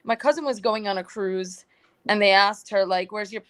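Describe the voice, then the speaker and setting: Young woman from New York, lively storyteller, casual podcast roundtable guest. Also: mid-range voice, normal speed. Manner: chatty, animated storytelling with quoted asides.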